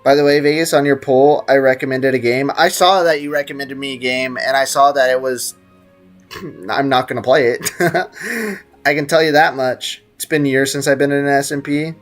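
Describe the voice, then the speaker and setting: This is a relaxed live stream in which a man chats offhandedly with viewers, reads out their messages and jokes in slang while commenting on a video game. He has a mid-range, fairly even voice at a moderate pace, with game music in the background.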